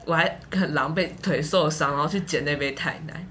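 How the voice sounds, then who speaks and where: A woman's voice: low voice, fairly quick, slight background noise. A woman with a Taiwanese Mandarin accent, a podcast guest telling a story in casual chat with lots of laughter. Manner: animated storyteller, laughs often.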